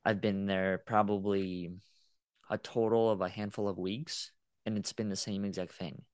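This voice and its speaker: A man hosting a podcast interview, speaking in a measured, reflective way. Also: fairly low pitch, flat delivery, a little mellow, smooth, no echo. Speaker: podcast host. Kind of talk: casual interview talk.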